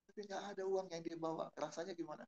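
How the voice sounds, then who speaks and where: A middle-aged man preaching a sermon at a church service, telling a story and asking the congregation questions, shifting from low murmurs to loud exclamations. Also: fairly even intonation, quick pace, muffled recording. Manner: asks the congregation questions and answers them. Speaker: pastor.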